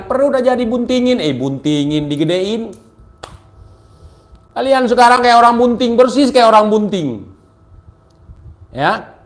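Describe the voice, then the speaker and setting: A man giving a mocking, taunting political rant, sarcastic and repetitive, at times rising to shouts. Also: sits high. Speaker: political commentator.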